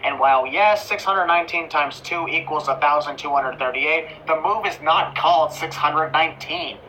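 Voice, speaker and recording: Man, sarcastic commentary narrator, slightly high voice, clear background noise. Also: moderate pace, rough recording. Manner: sarcastic, critical. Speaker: video narrator. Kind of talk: scripted commentary voice-over. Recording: voice-over with steady background noise.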